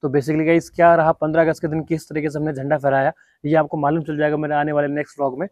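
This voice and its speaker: A man's voice: fairly high pitch, flat delivery, fast, a little mellow, no echo. A young man talking casually to his viewers as a vlogger, chatty and friendly with the camera. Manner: chatty, addresses viewers as guys. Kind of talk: casual vlog chat.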